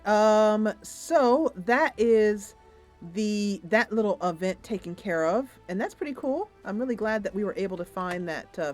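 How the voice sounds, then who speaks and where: A woman with a mid-range voice streams a roleplay game, narrating the story and chatting casually with viewers in an animated storytelling style.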